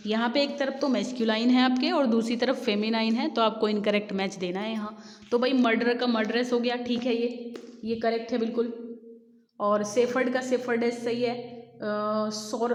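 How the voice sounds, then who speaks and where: Echoey woman teacher going over exam answers. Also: fairly high pitch. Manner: explains answers step by step, mixing Hindi and English, fixes typos aloud. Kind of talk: Hindi-English exam practice lesson. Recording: echoey room with long reverb.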